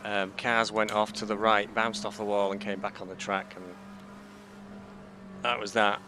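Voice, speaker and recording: Low voiced guy chatting through his race, car engine noise clearly behind. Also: level tone, moderate pace. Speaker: sim racer commentating on his own race. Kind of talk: casual driving commentary.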